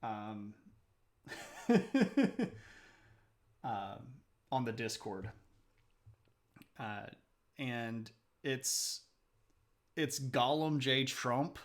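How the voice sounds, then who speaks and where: A man's voice: mid-range voice, fairly even intonation, drawn-out words, pauses often, fairly bright tone. Guy streamer chatting w his viewers, reads chat out, laughs a lot, takes his time. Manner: chatty, answers chat aloud, laughs often. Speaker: livestream host.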